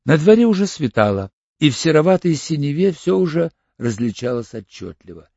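Man, audiobook narration, steady storytelling, dark voice, dry dull recording. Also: on the high side, a little fast, creaky, dry recording. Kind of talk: scripted narration.

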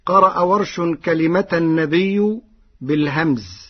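Male recitation teacher, fairly high husky voice, slow deliberate delivery, dull lo-fi radio sound. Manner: calm and deliberate, chanting each example phrase. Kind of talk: radio lesson on recitation variants.

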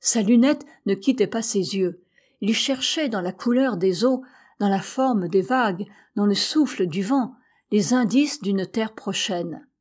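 A woman narrating a classic adventure novel as an audiobook, measured and expressive, with dramatic rises in her voice. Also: mid-range voice. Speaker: audiobook reader.

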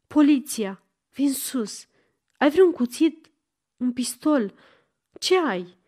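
A frightened, impulsive young woman in a spoken storybook, played by a woman reader. She speaks urgently and fearfully, in a fairly high voice. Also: lively intonation, darkish tone.

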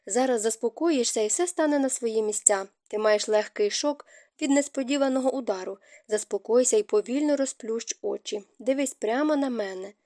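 Brief: woman narrator doing a worried, scolding young nobleman husband; mellow tone, dry close read. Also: a little high, moderate pace, no echo, close to an everyday voice. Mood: insistent. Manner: urgent, insistent, scolding.

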